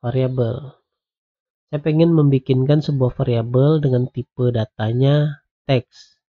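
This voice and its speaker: A man giving a programming lecture while coding on screen, explaining slowly and patiently with lots of "nah" and "ya". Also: mid-range voice, fairly even intonation. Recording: tinny phone-like audio.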